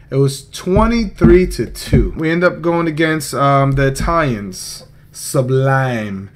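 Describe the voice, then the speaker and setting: A young man hosting his own vlog, recapping a gaming tournament in a chatty, rambling, joking way. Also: mid-range voice. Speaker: esports player and vlog host.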